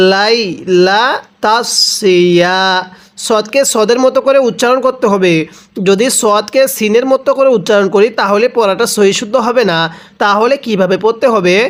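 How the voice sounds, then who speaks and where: A man with a Bangladeshi Bengali accent teaching Quran recitation, drawing each word out slowly and then explaining quickly. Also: sits high. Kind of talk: spelling-out Quran recitation lesson.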